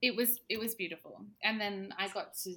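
Bright-voiced chatty woman telling a story. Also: medium pitch, brisk. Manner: animated, laughs often, says "like" a lot. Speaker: podcast guest. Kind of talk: casual storytelling chat.

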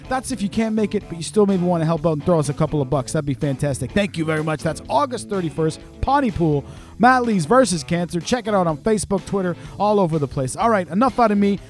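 A man hosting a podcast, talking casually and with gushing enthusiasm. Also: high-pitched. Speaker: podcast host and musician.

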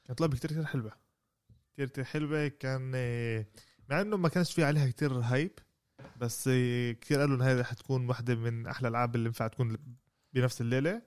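A man's voice: mid-range voice, fairly even intonation, rapid-fire, a little mellow, smooth. A man with a Palestinian Arabic accent chatting casually as a sports podcast panelist, repeating phrases for emphasis. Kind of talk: casual chat.

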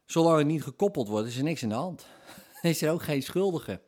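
A man's voice: a little high, expressive, brisk, darkish tone. A man giving an explanatory monologue on hypnosis, talking conversationally, working through everyday examples and often checking in with tag questions.

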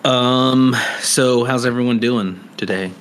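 A man's voice: mid-range voice, slow, a bit bright, slight background noise. A man co-hosting a podcast over a video call, laid-back and joking, with casual swearing. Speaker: podcast co-host. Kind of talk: casual chat.

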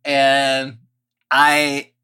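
A man's voice: medium pitch, completely flat delivery, extremely slow, pushed and bright, clear, resonant tone. A man co-hosting a podcast in casual chat, jokey and self-deprecating. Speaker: podcast co-host.

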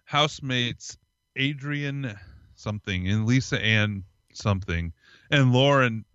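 A man's voice: medium pitch, takes it slowly, fairly bright tone, clean tone, no echo, lo-fi sound. A man co-hosting a podcast, reading strange news stories aloud in a casual chat, with small laughs and fillers. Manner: reads from articles, laughs, hesitant fillers. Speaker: podcast co-host.

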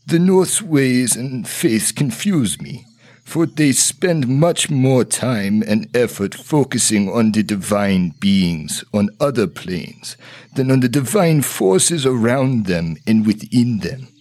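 A gentle old holy man, played by a man speaks in slow, solemn counsel to a grieving friend. His voice sits low and unhurried. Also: big pitch swings, husky, exaggerated voice.

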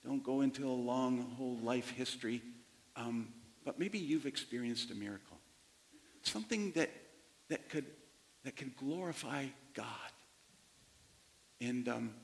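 A man preaching as a pastor to his congregation, in deliberate phrases broken by pauses. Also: medium pitch, vocal fry. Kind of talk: sermon, addressing congregation. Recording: long hall reverberation.

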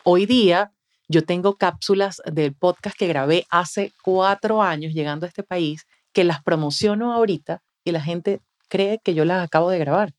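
A Venezuelan woman speaks as a communication mentor on a podcast. Her voice sits a little low, and she talks expressively, acting out quoted voices. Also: moderate pace. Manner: expressive, acts out quoted voices, frequent "¿ves?". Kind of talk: animated interview talk. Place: podcast studio.

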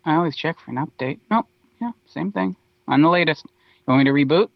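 A man co-hosting a podcast remotely, joking and easygoing in casual banter, his voice coming through a tinny, thin, low-bandwidth video call. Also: lively intonation, a little fast, vocal fry. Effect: tinny, thin low-bandwidth call audio. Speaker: podcast co-host joining remotely.

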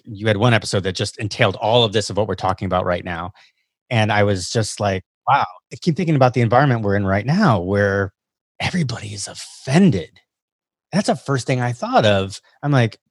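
A man is a guest in a casual interview. He talks earnestly and effusively in a slightly low voice. The sound is dry, with little room around it. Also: lively intonation, brisk, no room sound. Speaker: podcast guest.

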